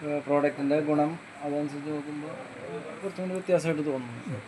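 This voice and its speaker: A man from Kerala being interviewed in a busy showroom, speaking quietly and softly. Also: on the high side, fast, slight background noise, poor audio. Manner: quiet, soft-spoken. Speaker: interviewee, new member. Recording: crowd chatter in a busy showroom.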